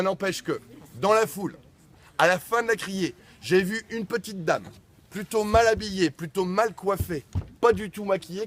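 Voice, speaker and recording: A man working as a town crier, theatrically declaiming messages and stories to a crowd in a playful, projected street-performer delivery. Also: high-pitched. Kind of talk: theatrical public crying and storytelling to a crowd. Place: crowded school gathering. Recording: crowd chatter, live at a distance.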